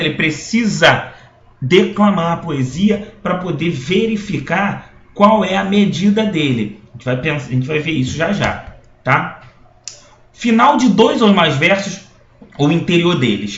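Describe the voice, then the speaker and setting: A man's voice: a little high, fairly bright tone. Man teaching a poetry lesson, echoey. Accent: Brazilian Portuguese. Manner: explanatory, with frequent checking tags and restarts. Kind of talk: recorded classroom lecture. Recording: echoey room, dull lo-fi sound.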